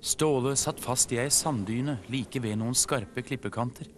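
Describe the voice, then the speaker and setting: A man from Norway narrating a children's TV story in an animated storytelling way. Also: medium pitch. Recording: music playing behind.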